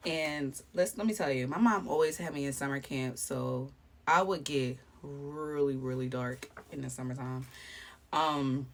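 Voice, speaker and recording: Woman in her 30s, vlogger, low voice, chatty and rambling, storytelling while doing makeup. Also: measured pace. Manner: chatty, rambling, many fillers. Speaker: beauty vlogger.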